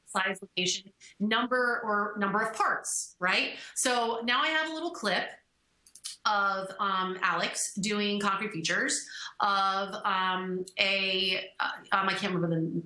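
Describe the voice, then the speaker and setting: A woman's voice: mid-range voice, bright, forceful tone. A woman giving a lecture presentation, talking loosely with fillers and restarts. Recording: echoey lecture room.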